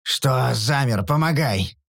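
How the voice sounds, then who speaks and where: A man voicing a gruff male mercenary leader with a husky, hissing, threatening voice. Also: mid-range voice, lively intonation, slow pace, fairly bright tone, dry recording, studio quality, full character voice. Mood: menacing.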